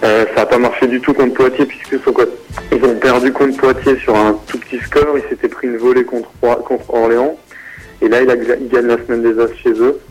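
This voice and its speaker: A man's voice: medium pitch, fairly even intonation, fairly quick, faint music behind, poor audio. A man calling in over the phone as a basketball consultant, giving casual sports analysis with many hesitations and restarts.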